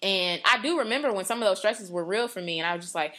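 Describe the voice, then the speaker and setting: She speaks fast in a mid-range voice that's bright and forceful. The woman, a podcast co-host in her late twenties, goes on earnestly about her faith in a casual, rambling way, peppered with "like," fillers, and restarts.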